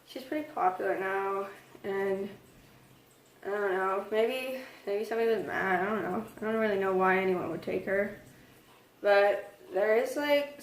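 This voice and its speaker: An awkward young townswoman rambles and stumbles over her words, as a woman acts her out. Her voice is of middle pitch. The recording has a roomy echo. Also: a little hiss or hum. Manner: hesitant, rambling, filler-heavy. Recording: echoey room.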